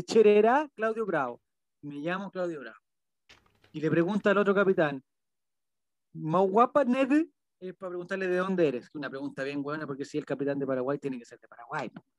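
A Chilean man with a notably high voice co-hosts a loose, jokey chat. He laughs easily and plays with the words he is trying out. The sound is dry and close. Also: no room sound. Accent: Chilean Spanish. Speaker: co-host. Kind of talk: casual chat.

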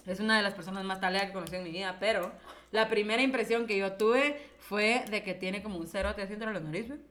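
A woman's voice: medium pitch, quick pace, a bit bright. A woman co-hosting a podcast in casual chat, full of crude slang and laughter. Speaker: podcast co-host.

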